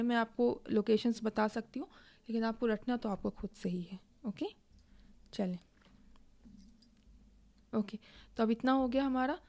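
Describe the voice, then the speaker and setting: Slow-talking woman teacher, gravelly voice. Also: a little high, darkish tone. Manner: explains slowly while writing, asks and answers own questions. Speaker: exam coaching teacher. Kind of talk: recorded online lesson, Hindi with English.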